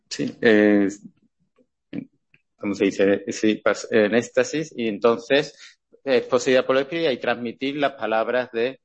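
A man giving a classroom lecture over slides, talking haltingly with many restarts and checking questions to the audience. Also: mid-range voice, highs cut off.

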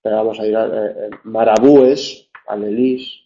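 A man's voice: fairly low pitch, fairly even intonation, moderate pace, mellow. A man teaching a class, explaining things step by step with many fillers and check-ins, and correcting himself as he goes. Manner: self-correcting. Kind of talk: classroom lecture on Spanish grammar. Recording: dull lo-fi classroom recording.

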